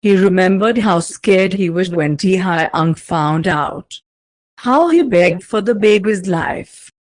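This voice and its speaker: Woman calmly reading a story aloud. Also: lowish voice, takes it slowly. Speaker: narrator. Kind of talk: fanfiction read aloud.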